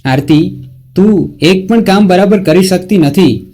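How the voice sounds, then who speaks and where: A harsh young husband barks out his scolding complaints, as a male storyteller puts him on. The voice is pushed higher than the narrator's own and stays mellow in tone. It is plain storybook acting. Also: unhurried. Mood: angry. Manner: shouting, scolding.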